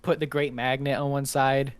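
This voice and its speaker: A man's voice: mid-range voice, flat delivery, moderate pace, clear, resonant tone, no room sound. A man co-hosting a podcast in casual chat, who laughs often and swears casually. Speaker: podcast co-host.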